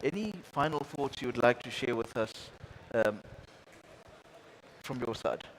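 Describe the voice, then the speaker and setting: A man's voice: medium pitch, unhurried, a little hiss or hum, poor audio. Gracious stammering panel host, a man. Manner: stammering restarts, gracious, formal thanks. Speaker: moderator, host. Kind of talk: hosting a panel dialogue.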